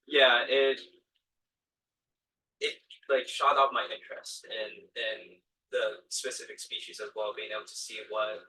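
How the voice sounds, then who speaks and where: Give me a bright-voiced teenage boy, hesitant. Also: lowish voice, fairly even intonation, unhurried, pauses often. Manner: hesitant, many "um"s and restarts. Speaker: student presenter. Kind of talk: casual speech at a meeting. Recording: distant room mic.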